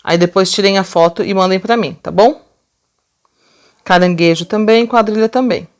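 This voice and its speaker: A woman teacher with a Brazilian Portuguese accent, explaining a lesson to young children and slowly sounding out words. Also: medium pitch. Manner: slow, drawn-out sounding out of words; gentle, patient explaining to children. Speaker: primary school teacher. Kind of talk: remote class lesson.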